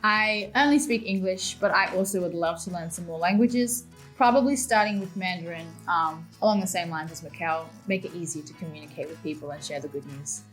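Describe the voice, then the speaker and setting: An eighteen-year-old woman from Australia with an Australian accent, explaining clearly in a casual discussion. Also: on the low side, a little fast, hardly any pauses, soft background music, low-quality recording. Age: late teens. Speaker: guest.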